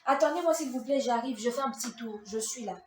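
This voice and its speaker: A woman with a fairly high voice tells an animated story as part of a sermon, acting out both sides of a conversation. She sounds distant in an echoey church hall. Faint ambient noise runs beneath her. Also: quick pace. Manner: animated, dramatizes dialogue, laughs. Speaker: church speaker.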